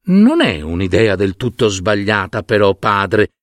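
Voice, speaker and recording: A man's voice: lowish voice, very animated, unhurried, dry recording, clean studio sound, pitched below the performer's own voice. A man doing an eager young son. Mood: coaxing. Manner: questioning, coaxing.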